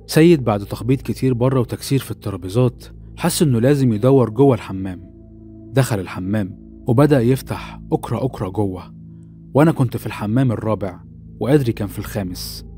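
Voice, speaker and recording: A man's voice: mid-range voice, warm tone. A man narrating a first-person horror story in an Egyptian Arabic accent, telling it dramatically.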